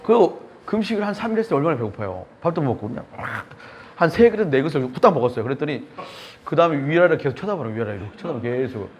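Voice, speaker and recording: A man preaching a sermon, telling a personal story in an animated way and acting out the voices of the people in it. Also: on the high side, rapid-fire, highs cut off, slight background noise. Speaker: pastor. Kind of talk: sermon testimony.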